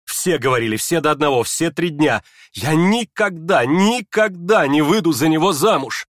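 A man reading aloud and voicing a proud young woman, furious and scornful, in shrill indignant outbursts. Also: expressive, moderate pace, no echo, clean studio sound, lightly acted. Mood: hysterical.

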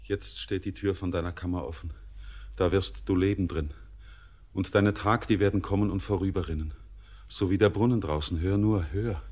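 A male actor takes the role of a haunted, yearning young stranger in a classic radio drama. He declaims poetically in a low, solemn, intense voice that is husky and a little mellow.

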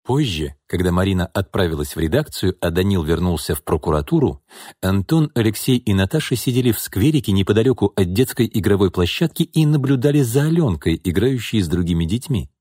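Lowish guy reading a novel aloud, lots of up and down, dry close mic. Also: fairly quick, husky, no room sound. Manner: expressive storytelling. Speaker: audiobook narrator. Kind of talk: scripted narration.

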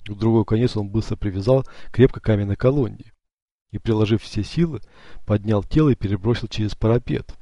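Low, dark-voiced male narrator. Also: fairly quick, no room sound, lo-fi sound. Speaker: audiobook narrator. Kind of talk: scripted narration.

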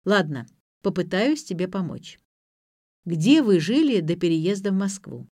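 A woman's voice: on the low side, sing-song, measured pace, a little mellow, no echo, studio quality. A woman voicing a cold, demanding man speaking on the phone, curt and commanding.

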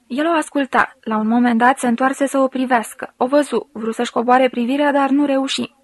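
A woman narrating a literary audiobook in a calm, measured reading voice. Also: high-pitched, dry recording.

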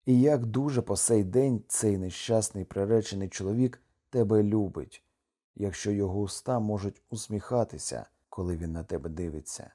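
A man's voice: lowish voice, dark tone, natural voice. A man voicing a doomed, grieving husband. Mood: tender. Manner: slow, heavy, mournful delivery. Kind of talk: audiobook character reading.

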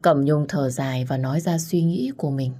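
A woman narrating a romance audiobook in a steady, even reading. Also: low voice, normal speed.

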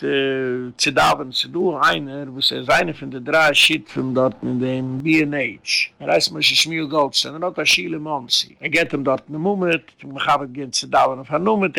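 A rabbi delivers a rambling lecture in a heavily gravelly, fried voice that sits a little high for a man. He tells his stories haltingly, circling back and restarting often. The sound is close and dry, with no room echo. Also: a bit bright. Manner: halting, repetitive storytelling with many restarts.

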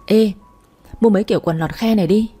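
A woman narrator voicing a brash, loud-mouthed young woman who teases and bosses her friend. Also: mid-range voice, brisk, husky, faint music behind, lightly acted. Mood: bossy teasing. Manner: crude, teasing, bossy.

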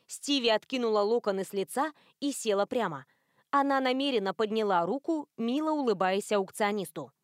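A woman reading an audiobook as narrator in an even, clear storytelling manner. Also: a little high, moderate pace, dry recording, studio quality. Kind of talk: scripted narration.

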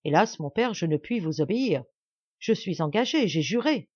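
A woman's voice: lowish voice, animated, normal speed, darkish tone, slightly rough, no echo. A woman voicing a young man who answers his father in a sad but firm, determined way. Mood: sad resolute. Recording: dull dry recording.

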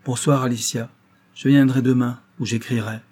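Guy reading as a calm resolute young gentleman, firm and a bit ironic, mellow husky voice. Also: mid-range voice, normal speed, close to an everyday voice.

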